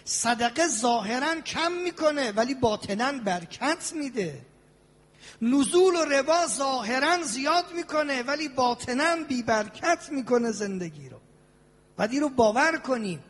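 A man preaching a sermon as a cleric, animated, with drawn-out invocations and sing-song passages. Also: extremely high pitch. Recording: long hall reverb.

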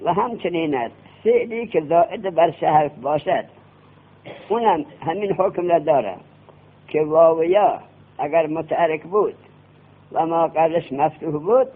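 A man teaching a classroom grammar lesson, quizzing his students with quick questions. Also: fairly high pitch, expressive. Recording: tinny lo-fi classroom recording.

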